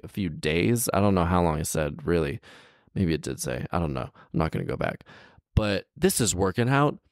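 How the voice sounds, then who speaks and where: A man with a low, gravelly, darkish voice hosts a story podcast, reading and riffing on a fairy tale. He delivers casual comedy in an incredulous, wry, slangy manner, hammering points with emphatic repeats. It's studio-quality sound with no echo.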